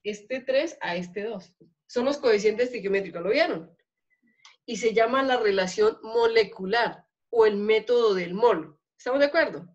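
A woman's voice: fairly high pitch, normal speed. Colombian female chemistry teacher, classroom lecture, frequent check-in questions, muffled lo-fi sound. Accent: Colombian Spanish. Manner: checks in often with questions to students.

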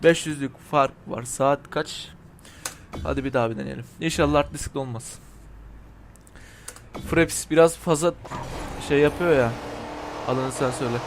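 A young Turkish man giving let's play commentary over a racing game, excitable, shouting and cursing at rival cars. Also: mid-range voice, normal speed, long pauses, slight background noise. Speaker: gaming YouTuber.

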